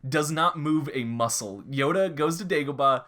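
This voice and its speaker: A man's voice: a little high, normal speed, fairly bright tone. A young man co-hosting a casual podcast chat, rambling with frequent restarts and fillers. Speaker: podcast co-host.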